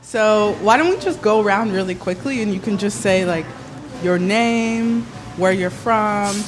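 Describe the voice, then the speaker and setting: A woman's voice: medium pitch, measured pace, slight background noise. A woman leading a round of introductions in casual conversation, friendly and inquisitive. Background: music.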